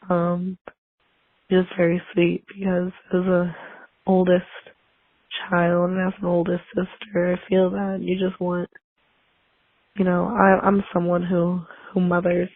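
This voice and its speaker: A young woman with a hoarse, congested voice rambles chattily through a voicemail. Her voice sits low and sounds dry, with no room echo. It comes through a tinny phone line. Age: young adult. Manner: chatty, rambling, many fillers. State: hoarse from a sinus infection. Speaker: caller leaving a voicemail.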